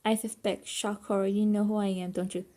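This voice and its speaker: A woman's voice: medium pitch, flat delivery, brisk, mellow, natural voice. A woman voicing a wry, pushy masked male intruder while reading a game's dialogue aloud, with game music behind. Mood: probing.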